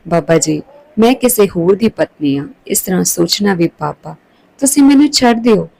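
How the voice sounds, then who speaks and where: A woman's voice: lowish voice, animated, moderate pace, creaky, warm tone, poor audio. A woman doing a distraught young wife. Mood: pleading.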